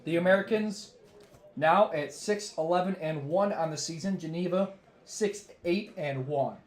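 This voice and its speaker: A man doing baseball play-by-play who is losing his voice, with calm measured calls that rise on big plays. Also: on the high side, echoey room. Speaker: play-by-play announcer.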